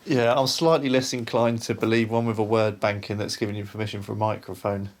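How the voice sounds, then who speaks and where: A man's voice: on the low side, level tone, a little fast. A man working as a paranormal investigator, chatting casually while trying out phone apps. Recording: clear background noise.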